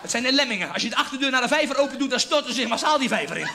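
Brief: manic, crude male stand-up comic, very high voice, live stage recording with audience laughter. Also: lively intonation, very fast, vocal fry, a crowd in the background, background noise. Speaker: stand-up comedian. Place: theatre stage before an audience.

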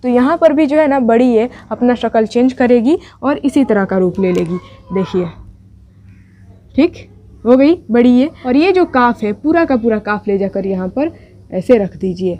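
A woman's voice: a little high, dull audio. A young woman, teaching an online language lesson, patiently repeating each step and asking rhetorical questions. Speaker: Urdu teacher.

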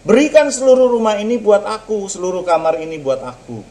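A man voicing Jesus in a children's parable, speaking calmly and gently. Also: high voice, fairly quick, pitched above the performer's own voice, close to an everyday voice. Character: calm, patient Jesus in a parable.

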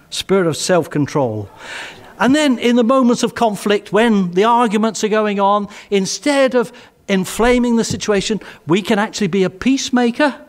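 With a high voice and an English accent, an older man preaches a sermon in a church hall, wearing a headset mic. He comes across as earnest and emphatic, repeatedly falling to soft, quiet phrases.

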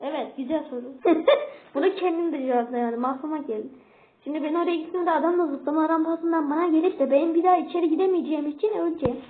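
A woman giving casual, excitable commentary while playing a game and talking back to opponents on screen. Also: sits high, fast talker. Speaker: gameplay streamer. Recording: tinny phone-like audio.

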